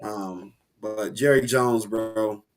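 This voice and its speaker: A man co-hosting a casual sports podcast, animated and rambling, with slang and frequent restarts. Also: lowish voice, takes it slowly, a little hiss or hum. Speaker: podcast co-host.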